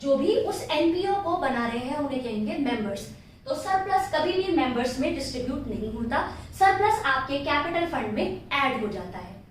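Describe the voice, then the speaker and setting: High-voiced Indian woman teaching in echoey room. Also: very animated, moderate pace, a little hiss or hum. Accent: Indian English. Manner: explains step by step, asks questions and answers them herself. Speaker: accounting teacher. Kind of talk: classroom lecture. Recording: echoey room, distant from mic.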